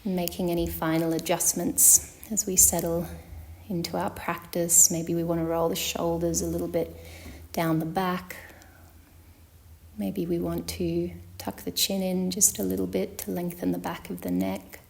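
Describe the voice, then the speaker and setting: Leading a guided yoga nidra meditation, a woman teacher instructs calmly and in a measured way, with long pauses. Her voice sits on the low side with some vocal fry, and there's a little hiss or hum in the audio.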